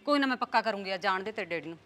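A woman's voice: mid-range voice, expressive, rapid-fire. An actress playing a caring village mother who pleads for her daughter, speaking in a Punjabi accent. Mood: coaxing. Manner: pleading, gently persistent. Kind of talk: village drama acting.

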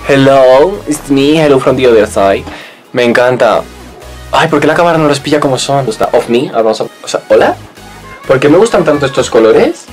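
A man with a Spanish accent from Spain, chatting playfully and exclamatorily as a makeup vlogger unboxing a palette. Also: medium pitch. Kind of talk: casual unboxing chat.

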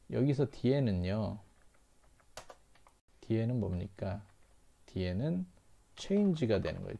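A man teaching English reading in a lecture, explaining slowly and repeating phrases as he asks and answers his own questions. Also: medium pitch, creaky, mellow. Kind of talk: lecture-style lesson.

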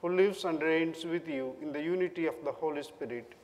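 A man praying a formal liturgical prayer as a priest, in a solemn, measured way. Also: on the high side, a little mellow. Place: large church. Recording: long church reverb.

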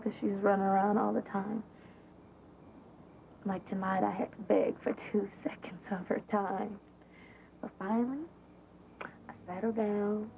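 An actress playing a teenage girl in her senior year who longs for her mother's approval, speaking haltingly and confidingly, heard from a worn VHS tape copy. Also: medium pitch, vocal fry, dark tone, a little hiss or hum. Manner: halting, confiding, pausing to find words. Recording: muffled lo-fi worn videotape sound with faint music.

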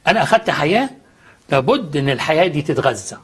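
A man's voice: on the high side, sing-song, fast, breathy edge. A man with an Egyptian accent, a studio guest explaining faith earnestly and answering his own questions.

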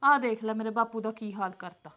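A woman's voice: fairly high pitch, a little fast, sharp tone, lo-fi sound. A woman playing a stern grown daughter who scolds her brother and his wife for mistreating their father. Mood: scolding.

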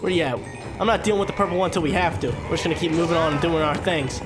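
A young male gaming channel host with a stuffy, congested voice commentates his video game playthrough for viewers over a headset mic. He talks very fast at a fairly high pitch, hyped and chatty. Game music plays in the background.

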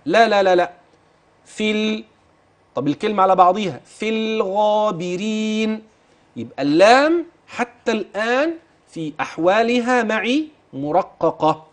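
High-voiced Egyptian tajweed teacher. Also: male voice. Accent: Egyptian Arabic. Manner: patient, questioning and drilling the listener; stretches words slowly when reciting examples. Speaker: Quran recitation teacher. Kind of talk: tajweed lesson, modelling recitation.

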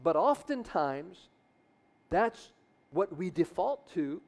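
A man preaching a sermon as a bishop, exhorting fervently, repeating phrases and building to loud calls. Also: high voice, big pitch swings, takes it slowly. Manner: mixes in Tagalog phrases.

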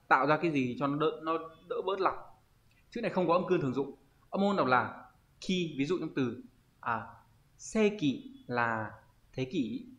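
A man teaching an online kanji lesson, often pausing and thinking aloud as he searches for the word. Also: mid-range voice, a bit bright. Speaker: Japanese teacher. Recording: roomy, slightly dull audio.

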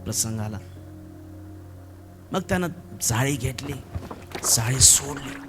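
A man with a Marathi accent preaching a sermon as pastor, impassioned and building to shouted exhortation, leading the congregation in repeated prayer lines. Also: medium pitch, expressive, takes it slowly, music in the background. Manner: leads congregation in repeated call-and-response prayer.

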